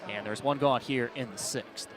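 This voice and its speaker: With a mid-range voice at a moderate pace, an American man calls baseball live in clipped, present-tense bursts that build up on big plays. The recording is rough, with a crowd, ballpark ambience and outdoor stadium noise in the background.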